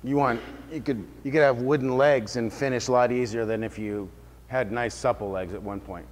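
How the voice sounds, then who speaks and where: A man's voice: medium pitch, steady tone, normal speed, slight background noise. A man working as a fitness trainer, giving an informal workshop talk to a group in a casual, explanatory way and checking in with his listeners. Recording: reverberant hall sound.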